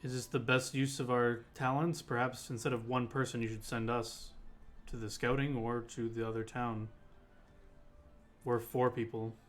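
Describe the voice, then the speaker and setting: A man playing a tabletop game, speaking in a measured, level way. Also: medium pitch, level tone. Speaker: player. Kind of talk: casual tabletop play.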